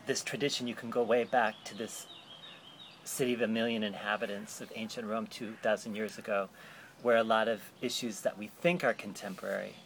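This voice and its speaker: Man, interviewer, low voice, rambling explanations, faint background hiss. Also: steady tone, fairly quick, a bit bright. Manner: thoughtful, rambling explanations with fillers. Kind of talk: explaining a book project in an interview.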